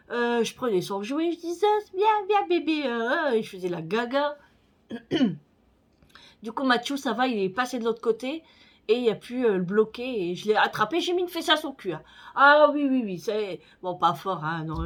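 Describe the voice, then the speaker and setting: A woman in her forties talks casually to her viewers, rambling from one thought to the next with plenty of fillers. Her voice sits a little high, and her nose sounds slightly stuffy. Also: a bit bright. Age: 40s. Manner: rambling, chatty storytelling with many fillers. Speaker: vlogger. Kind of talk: casual chat.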